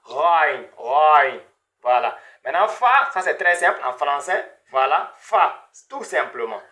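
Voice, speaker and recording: A man's voice: fairly high pitch, very animated, normal speed, bright, forceful tone. A man teaching beginner Arabic pronunciation, repeating each sound over and over and checking in with "hein?" and "voilà". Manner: repetitive, drills sounds with frequent "hein?" and "voilà".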